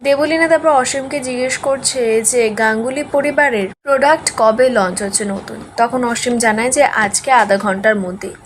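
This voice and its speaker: A woman recaps a serial episode in a casual storytelling voice, weaving the characters' lines into her account. Her voice is fairly high, and faint room ambience sits under the recording. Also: normal speed, hardly any pauses, slight background noise.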